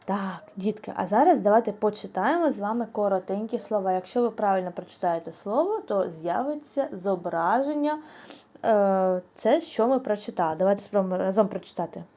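A woman teaching a preschool reading lesson, drawing out syllables slowly and praising the children cheerfully. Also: medium pitch, animated, dark tone. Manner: slow, drawn-out syllables when modeling words. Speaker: kindergarten teacher.

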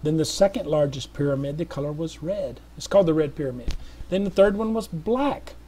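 Speaking a little fast and with animation, a middle-aged missionary earnestly addresses viewers in an appeal video, restarting and using fillers often as he rambles. His voice sits on the high side with a dark tone, and there's slight background noise.

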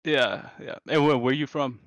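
A man's voice: medium pitch, steady tone, moderate pace. A man in his twenties from Canada, chatting casually and joking in slang on a video-call date. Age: 20s. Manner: laid-back, joking, slangy. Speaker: dating show contestant. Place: bedroom, indoors.

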